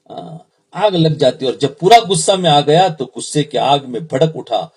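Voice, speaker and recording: A man's voice: a little high, expressive, darkish tone, breathy edge. A man, an Islamic preacher, giving a sermon, repeating phrases and asking the audience questions.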